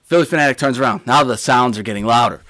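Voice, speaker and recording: A man in his forties casually telling a funny story, animated and laughing as he acts out the scene. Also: medium pitch, fast, dry recording, studio quality.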